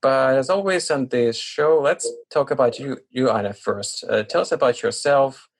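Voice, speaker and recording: A man hosts an interview podcast and sets up each question in a measured way. He drops in short "uh" fillers as he goes. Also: medium pitch. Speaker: podcast host. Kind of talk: interview hosting.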